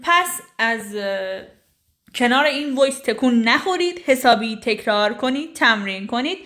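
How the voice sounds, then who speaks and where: A woman teaching a language lesson, repeating each phrase slowly and then explaining it briskly. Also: on the high side, expressive, a bit bright. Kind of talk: phrase lesson with slow model sentences.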